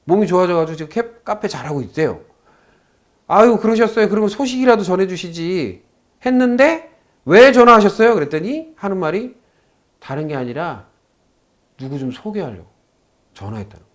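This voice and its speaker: Male lecturer, high voice with a wide, animated pitch range, quizzes his class. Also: fairly quick, long pauses. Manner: acts out both sides of a phone call, asks the class questions. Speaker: saju fortune-telling lecturer. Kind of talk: lecture with a story told to students.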